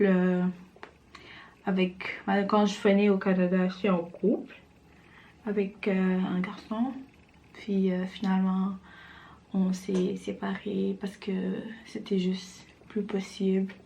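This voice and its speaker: A young woman from Senegal chats loosely to her camera as she does her makeup, her middle-pitched voice relaxed and rambling. She leans on fillers like "genre," and the sound suggests a room at home with a faint hiss or hum.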